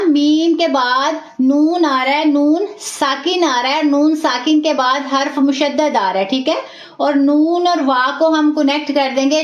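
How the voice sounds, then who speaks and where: A woman teaching a recitation class, patiently repeating each word slowly and often checking in with her students. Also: sits high. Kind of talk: online class lesson, slow repetition drills. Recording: roomy, dull lo-fi audio.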